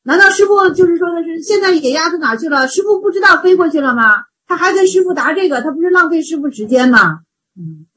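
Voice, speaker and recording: A woman giving a Buddhist dharma talk, retelling a Zen story in an animated, repetitive, emphatic way. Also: extremely high pitch, fast talker, poor audio. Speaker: Buddhist teacher.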